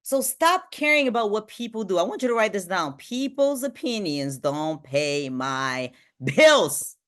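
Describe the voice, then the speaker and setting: Unhurried but energetic, a Bulgarian motivational speaker and team trainer talks to a group over a video call. Her pitch swings from high to low, and she closes nearly every point by asking "right?"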